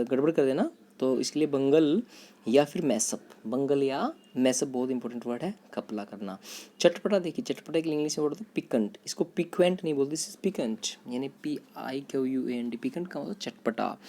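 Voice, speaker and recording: A man teaching vocabulary to students, repeating each word, spelling it out letter by letter and pausing on fillers. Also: mid-range voice, warm tone. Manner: addresses students directly, with hesitant fillers. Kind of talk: vocabulary lesson.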